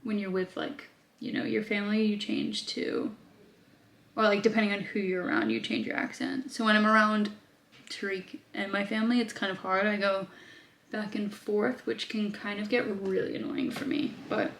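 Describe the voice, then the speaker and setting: A chatty young woman from Australia, answering viewer questions in a relaxed vlog at home. Her pitch sits mid-range, she leans on fillers as she thinks aloud, and her voice rings with a roomy echo. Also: normal speed. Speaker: vlogger.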